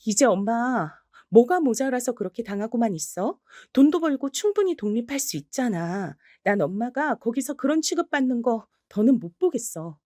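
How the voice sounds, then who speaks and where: Woman doing a high, indignant young girl. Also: lively intonation, no room sound, clean studio sound. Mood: urging. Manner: sharp, indignant, quick to argue. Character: bold outspoken teenage granddaughter.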